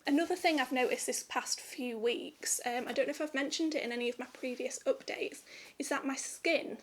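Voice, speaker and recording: A young woman vlogging to camera in a candid, rambling, chatty way. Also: high voice. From United Kingdom. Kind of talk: casual chat to camera.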